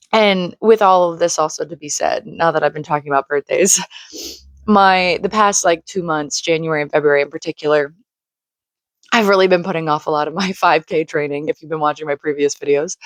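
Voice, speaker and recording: This lower-pitched female vlogger, late twenties, rambles on casually and earnestly, leaning heavily on "like." Her voice has a slight crackle from screaming. Recorded in a home room next to a shared wall, with no room sound.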